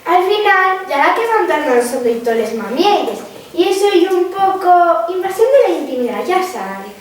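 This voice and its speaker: A woman's voice: extremely high pitch, very animated, moderate pace. A woman with an Asturian accent playing an earnest, easily hurt countrywoman in a comic stage interview. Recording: very echoey hall, distant, faint noise.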